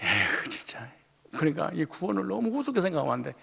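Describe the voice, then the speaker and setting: A man preaching a sermon as pastor, emphatic and colloquial, often rising to loud outbursts. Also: on the high side, very animated, quick pace, gravelly, breathy edge.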